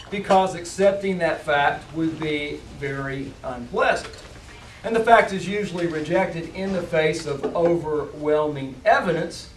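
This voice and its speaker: A man with a fairly high voice delivers a prepared motivational speech. He phrases things deliberately and emphatically, pausing for effect. The sound is echoey and picked up from some distance, with faint noise behind it. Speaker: competition public speaker. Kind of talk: rehearsed motivational speech to an audience. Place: indoor room, speaking to a live audience. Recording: roomy, distant mic, faint background noise.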